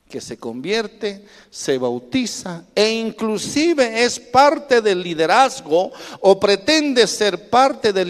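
Male pastor, high voice, emphatic preaching with call-and-response, long reverb from the church hall. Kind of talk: sermon.

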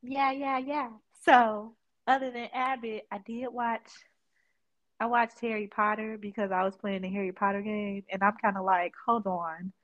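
A woman co-hosting a casual podcast with a voice pitched a little high. She is pregnant and talks bluntly, swearing freely. She spins her stories with dramatic flair. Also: level tone, normal speed, fairly bright tone, dull audio. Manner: blunt, profane, dramatic storyteller. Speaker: podcast co-host. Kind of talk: casual chat.

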